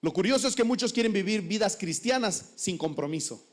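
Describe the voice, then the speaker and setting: A man preaching as a pastor, with animated, humorous delivery and many rhetorical questions. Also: sits high, fairly quick. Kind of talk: sermon.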